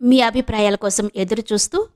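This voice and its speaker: Woman narrating an audio novel, high voice. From Visakhapatnam, India. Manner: steady, measured storytelling. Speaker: audiobook narrator and channel host.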